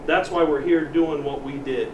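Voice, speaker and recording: American coach's pep speech, echoey and distant. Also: male voice, a little high, steady tone. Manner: earnest, deliberate, with pauses for emphasis. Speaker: college sports team coach. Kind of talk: postgame locker room pep speech to players. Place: locker room, heard from a distance. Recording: echoey distant room recording with loud noise.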